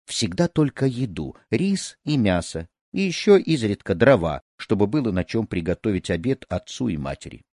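Guy telling a folk tale, really lively pitch, dry close sound. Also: normal speed, few pauses, dry recording. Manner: expressive, animated storyteller. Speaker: narrator. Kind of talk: storytelling narration of a folk tale.

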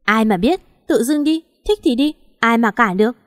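A woman voicing a sharp-tongued, shrewish woman who scolds and snaps at a stranger. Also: fairly high pitch, fast talker, natural voice. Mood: scolding.

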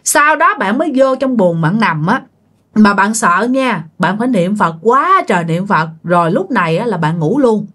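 A woman's voice: medium pitch, normal speed. A woman with a southern Vietnamese accent narrating a ghost story, often turning to talk straight to her listeners. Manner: animated, addresses listeners directly.

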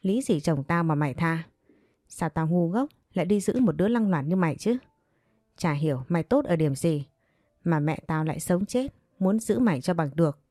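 A woman's voice: lowish voice, expressive, normal speed, no room sound, studio quality. A woman voicing a jealous young mistress of a household who scolds and threatens her servant. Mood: threatening. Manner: scolding, threatening, sharp-tongued.

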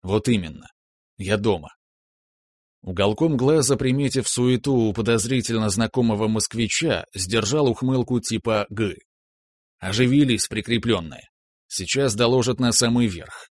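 A man narrating a novel in the first person in a calm, measured way, recorded close to the mic. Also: fairly low pitch. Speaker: audiobook narrator.

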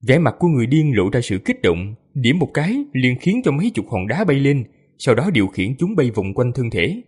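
A male storyteller with a mid-range voice that rises and falls a great deal as he reads. His tone is slightly husky, and his narration is steady and expressive. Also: mid-range voice, fairly quick. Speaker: audiobook narrator.

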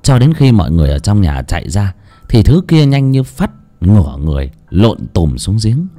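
A man's voice: fairly low pitch, moderate pace. A man narrating a horror audiobook dramatically. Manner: dramatic, expressive. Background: faint music.

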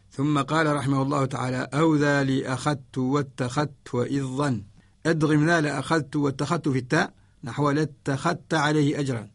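A man teaching the rules of Quranic orthography in a radio lesson, explaining a didactic poem and slowing down to recite verses and examples. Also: fairly high pitch. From Mauritania.

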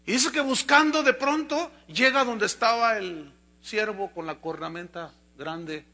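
A man preaching a sermon as pastor, telling a fable with animated storytelling. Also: high voice, measured pace.

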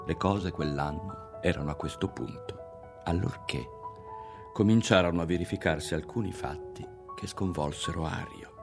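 A man narrating a literary audiobook in a measured, expressive way. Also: sits low, over music. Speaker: audiobook reader.

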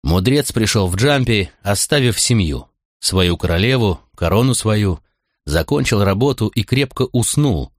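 A man's voice: on the low side, lively intonation, unhurried, no room sound, clean studio sound. A man reciting rhythmic verse in an audiobook. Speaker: audiobook reader.

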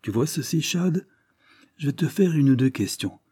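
A man voicing a shrewd gentleman who questions people calmly and firmly. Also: fairly high pitch, husky, voice pushed up. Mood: probing. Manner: measured, questioning, firm. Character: shrewd gentleman adventurer, calm, probing.

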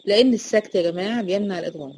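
A woman's voice: medium pitch, very fast, darkish tone, slight background noise, low-quality recording. A woman teacher with an Egyptian accent explaining a recitation lesson, asking questions and answering them herself. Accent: Egyptian Arabic.

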